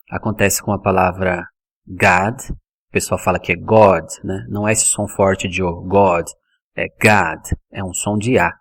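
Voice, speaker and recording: Low-voiced Brazilian man teaching pronunciation. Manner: explanatory, repeats words slowly to model pronunciation. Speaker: English teacher. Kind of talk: video lesson on pronunciation.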